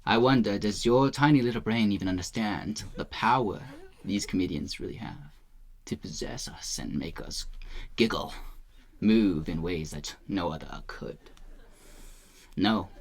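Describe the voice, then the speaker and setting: A man's voice: deep voice, moderate pace. A man delivering mock-reverent, sarcastic commentary in a reaction video.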